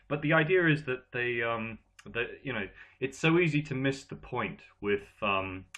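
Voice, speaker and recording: A man's voice: mid-range voice, expressive, a little slow, fairly bright tone. A man who is half Irish and half English hosts a casual panel chat, talking animatedly with an English accent and an Irish lilt. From Ireland and England. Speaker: podcast host.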